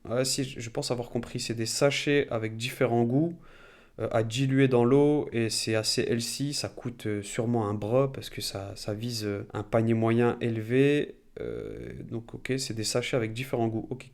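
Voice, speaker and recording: A man's voice: mid-range voice, steady tone, moderate pace, darkish tone. A man giving a casual screen-share tutorial, thinking aloud and talking straight to the viewer with many fillers. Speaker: e-commerce YouTuber.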